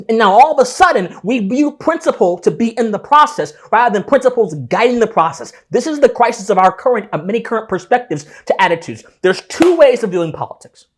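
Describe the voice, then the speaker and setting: A man delivering solo political commentary in an impassioned, lecturing way, often restarting his sentences. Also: sits high.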